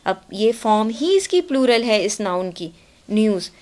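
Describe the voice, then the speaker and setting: A woman's voice: mid-range voice, sing-song, a little slow, darkish tone. A woman with an Indian accent teaching a grammar class. She explains patiently, switches between Hindi and English and keeps checking that students follow.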